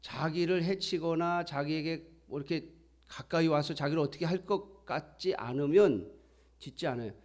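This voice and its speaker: A man's voice: a little high, moderate pace. A middle-aged man preaching a sermon in a conversational style, sometimes acting out quoted voices. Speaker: pastor.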